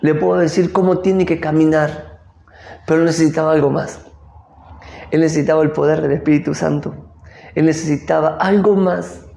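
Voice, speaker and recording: Man, Argentine Rioplatense accent, middle-aged pastor, fairly high voice, earnest repetitive preaching, echoey room. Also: steady tone, moderate pace, vocal fry, dark tone. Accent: Argentine Rioplatense Spanish. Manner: earnest, repeats phrases for emphasis. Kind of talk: devotional sermon reflection.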